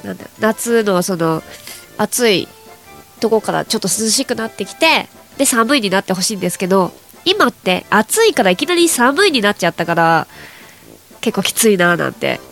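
A woman's voice: mid-range voice, sing-song, normal speed, fairly bright tone, soft background music. A young woman hosting a chatty solo radio show, her voice nasal and stuffed up from hay fever, rambling casually to her listeners. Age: young adult. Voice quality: nasal, congested.

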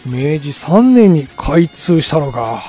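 A woman's voice: deep voice, very animated, slow pace, dark tone, faint music behind. A woman hosting a radio show in casual chat, playful and mock-pompous at times. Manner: playful, mock-pompous old-fashioned phrasing. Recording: slightly dull radio recording.

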